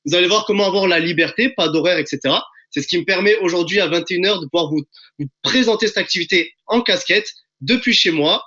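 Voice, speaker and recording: Speaking fast over dull, lo-fi video-call audio from his home, a recruiting webinar presenter pushes a hyped sales pitch. His voice sits high, bright and forceful, and he eagerly presses his listeners, addressing them as friends.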